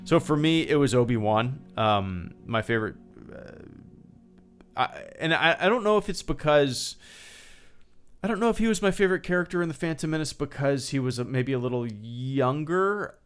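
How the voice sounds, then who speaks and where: A man in his thirties hosts a casual livestream, his medium-pitched voice smooth and moderately paced over faint background music. He rambles with plenty of fillers and restarts. Along the way he reads out thank-yous to his viewers.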